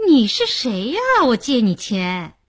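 A woman voicing a lively, friendly young woman who is easily charmed, in an eager, chatty manner in a storybook reading. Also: high voice, moderate pace, voice pushed up.

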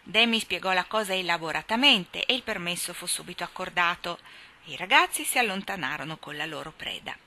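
Woman reader, novel read aloud, expressive, measured, bright tone. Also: fairly low pitch. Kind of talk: reading a classic novel aloud.

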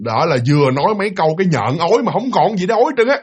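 A man with a Southern Vietnamese accent telling a spooky story, animated, repeating words for effect and speaking straight to his listeners. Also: sits high, racing, slightly rough.

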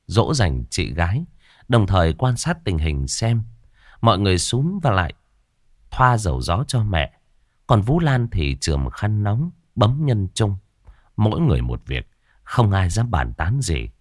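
A man's voice: on the low side, sing-song, unhurried, dry recording, studio quality. A man narrating a ghost story in a dramatic, emotive storytelling manner.

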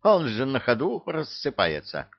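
A short-tempered devil in charge, hissing and barking at his underlings, as a man performs him in an audiobook. He bosses people around in measured, deliberate phrases. The sound is slightly dull and muffled. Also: deep voice, lively intonation. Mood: snapping, furious. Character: irritable male devil boss, hissing and snapping. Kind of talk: audiobook character voice.

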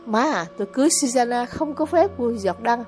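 A woman reading an anxious young village man, quiet and shaky. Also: fairly high pitch, lively intonation, a little fast, soft background music, natural voice. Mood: earnest.

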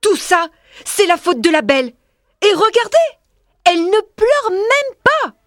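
A man voicing shrill, accusing young sisters in a storybook reading. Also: very animated, measured pace, a bit bright, dry recording, studio quality, heavily acted. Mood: spiteful. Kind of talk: audiobook drama.

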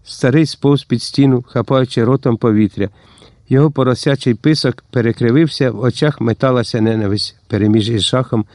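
A male narrator reads a first-person story in lively scripted narration. He drops into slangy tough-guy talk for the hero's lines. His voice is dark and mellow, recorded dry and close. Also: medium pitch, a little fast, no room sound. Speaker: audiobook narrator.

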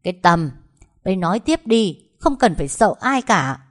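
A woman's voice: medium pitch, sing-song, moderate pace, close to an everyday voice. A woman voicing a stern elderly matriarch giving orders. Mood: commanding. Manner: commanding.

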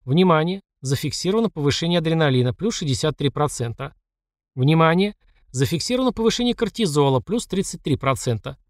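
A man reading a first-person audiobook, who delivers the system messages in a clipped, flat report tone. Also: fairly high pitch, a little fast, dry recording, studio quality. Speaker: audiobook narrator.

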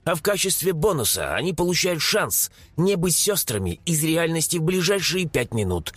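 A brash young mage, voiced by a male narrator, fires off mocking, impatient retorts. His husky voice swings widely in pitch. He sounds cocky and sure of himself. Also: big pitch swings, moderate pace, dry recording. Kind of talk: audiobook character voice.

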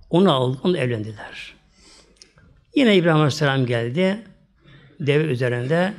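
A male preacher with a somewhat high voice tells a sacred story to his listeners. He addresses them directly and softly trails off at the ends of his phrases. When the characters speak, he voices their lines in his own voice. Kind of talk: religious storytelling talk.

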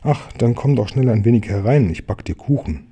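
A man's voice: mid-range voice, animated, a little fast, dark tone, breathy edge. A man voicing a lazy, cheerful little pig in a children's storybook, coaxing and sweet-talking.

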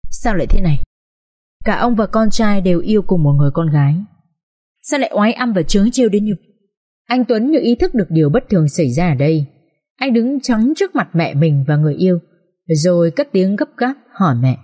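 Female audiobook narrator, mid-pitched, expressive dramatic read. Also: brisk. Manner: expressive, emotional reading.

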